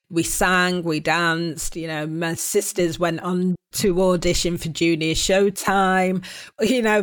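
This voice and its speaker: A middle-aged woman with a Manchester accent telling her story as an interview guest, chatty and laughing often. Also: lowish voice. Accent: Mancunian. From Manchester, England.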